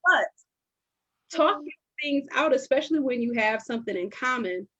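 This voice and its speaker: A woman's voice: sits high, expressive, moderate pace, fairly bright tone, a little hiss or hum. Woman host chatting, lo-fi sound. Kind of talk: casual chat.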